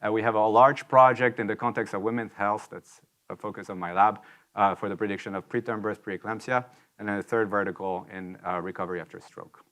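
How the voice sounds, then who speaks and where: A man giving a rushed startup lightning talk, halting and repeating words as he presents technical material. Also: fairly low pitch, steady tone, fairly bright tone. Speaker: anesthesiologist.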